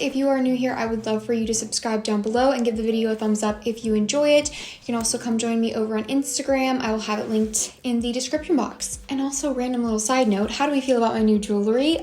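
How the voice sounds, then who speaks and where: A woman's voice: fairly high pitch, mellow, roomy sound. A young woman in her twenties chatting enthusiastically to viewers in a casual haul vlog. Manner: enthusiastic, bubbly, gushing. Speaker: beauty vlogger.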